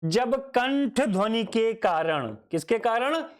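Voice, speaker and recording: Teaching Hindi grammar at an unrushed pace, this man speaks in a very high-pitched, animated voice. He quizzes himself aloud, repeats each definition, and lovingly refers to students as "child."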